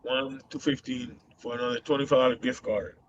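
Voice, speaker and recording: A man's voice: medium pitch, little pitch movement, fairly quick, dull audio, slight background noise. A man with a Boston accent hosting a casual live show, rambling with many fillers and laughing often. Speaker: host.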